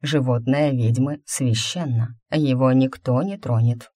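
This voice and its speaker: A woman voicing a calm, smooth-talking male mage who stays unruffled and speaks in an ingratiating way, in a story read aloud. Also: very deep voice, no room sound, clean studio sound, exaggerated voice. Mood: composed. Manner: unhurried, imperturbable, ingratiating.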